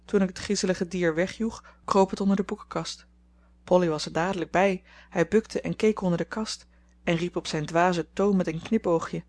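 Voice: mid-range voice, darkish tone, close to an everyday voice. A reader voicing a prim, earnest young girl in an audiobook, with little change from the narrating voice. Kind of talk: audiobook character voice.

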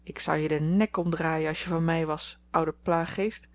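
A drowsy, teasing young man from an audiobook, read in the narrator's near-normal voice. He talks at a middle pitch with lazy mockery. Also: steady tone, moderate pace, natural voice.

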